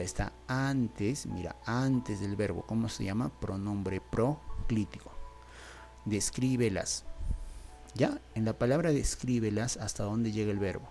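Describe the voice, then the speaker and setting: A man with a Peruvian Spanish accent teaches a grammar lesson in a low, gravelly voice. He walks through each example patiently and checks in often. Faint music plays underneath. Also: a little mellow. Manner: patient, repeats points and asks "¿ves?".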